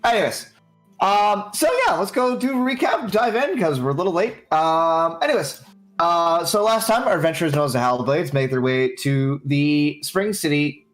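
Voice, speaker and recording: A young man with a fairly high voice runs a livestreamed tabletop session as game master. He recaps the story with plenty of ums and uhs. Quiet music plays behind him. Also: lively intonation, moderate pace. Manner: scattered, frequent ums and uhs.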